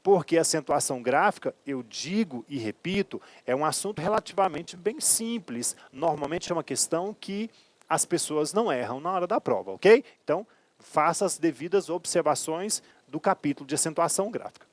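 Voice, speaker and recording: A man with a Brazilian Portuguese accent teaching an exam-prep grammar lesson, emphatic, stretching key words slowly and checking in with quick questions. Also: on the high side, expressive, dry recording.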